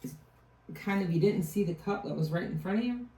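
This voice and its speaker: A woman's voice: medium pitch, a little fast, dark tone. Rambling woman reading tarot, echoey room. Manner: rambling, trails off and restarts mid-thought. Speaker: tarot reader. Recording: echoey room, distant mic.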